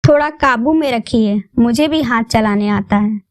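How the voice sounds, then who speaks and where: A woman's voice: on the high side, measured pace, no room sound, lightly acted. A woman voicing a young, outspoken new daughter-in-law who talks back firmly. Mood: defiant. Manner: firm, defiant.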